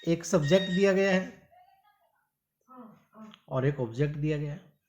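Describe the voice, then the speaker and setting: A man's voice: a little high, a little mellow, poor audio. A man teaching English pronunciation, stretching out example sentences word by word and calling his learners "my dear". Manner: slow, drawn-out reading of example sentences. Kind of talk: spoken English lesson.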